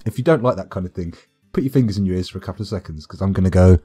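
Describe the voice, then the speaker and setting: A man's voice: low-pitched, racing, warm tone, soft background music. A man streaming a strategy game, chatting wryly over livestream microphone audio at home and reading game reports aloud. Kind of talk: casual livestream commentary.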